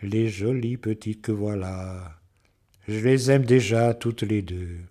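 Sly charming fox for a storybook, read by a man, slow honeyed delivery, a touch lower. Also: dark tone. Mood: sweet. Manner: slow, honeyed and falsely friendly. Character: sly smooth-talking male fox, charming and hungry. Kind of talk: storybook reading.

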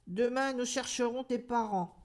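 A woman voicing a busy grown male squirrel in a storybook, talking briskly and scolding. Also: fairly high pitch, a little mellow, natural voice.

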